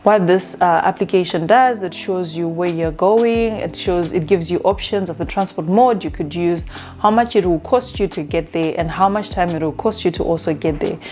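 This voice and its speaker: A woman's voice: on the low side, moderate pace. Chatty young woman from Zimbabwe. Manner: relaxed, chatty, with frequent fillers. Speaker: vlogger. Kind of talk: casual talking-to-camera vlog.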